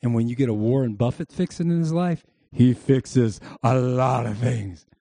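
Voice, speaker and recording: A male pastor with a gravelly, warm, medium-pitched voice preaches emphatically at a moderate pace during a church service, calling on the congregation to answer back. The recording is dry.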